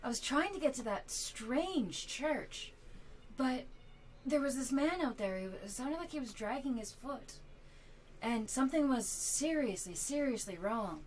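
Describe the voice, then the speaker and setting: A high, lively voice of an anxious American adventurer, voiced by a woman at the table, rambling on with slow, careful phrasing. It sounds bright, over faint background noise. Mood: nervous. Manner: nervous, rambling. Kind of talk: tabletop role-play.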